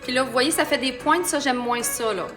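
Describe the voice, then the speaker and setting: A woman's voice: high-pitched, fairly quick, over music. A woman with a Québécois accent giving a chatty live makeup tutorial and talking viewers through each step. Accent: Québécois French. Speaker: makeup artist.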